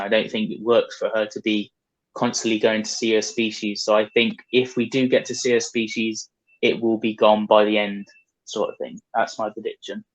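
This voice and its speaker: A man speaking as a podcast guest, in a measured, hesitant way with ums and restarts. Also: fairly low pitch, low-quality recording. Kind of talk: casual chat.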